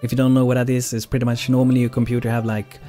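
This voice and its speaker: A man's voice: mid-range voice, completely flat delivery, very fast, warm tone, soft background music. A man giving casual live gameplay commentary as a streamer, rambling and repeating words for emphasis. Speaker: game streamer.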